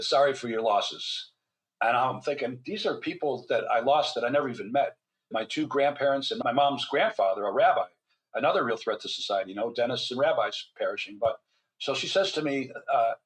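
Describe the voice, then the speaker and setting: Guesting on a relaxed podcast interview, an older physician-author spins stories in a chatty manner, dropping wry humor and often restarting his sentences. The medium-pitched voice has a fairly bright tone, but the audio is poor.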